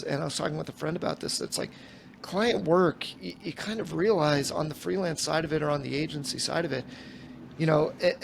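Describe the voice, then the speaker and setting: Man, 40s, podcast co-host, rambly casual talker, heavy vocal fry. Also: on the high side, slight background noise. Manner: rambling, acts out quoted conversations. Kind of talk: casual chat.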